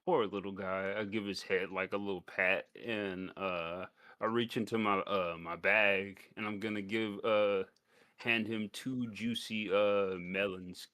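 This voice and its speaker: A man's voice: lowish voice, fairly even intonation, unhurried, fairly bright tone, no echo, clean studio sound. A man playing a character in a casual tabletop game, talking in a laid-back, slangy way. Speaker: player. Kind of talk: casual tabletop role-play.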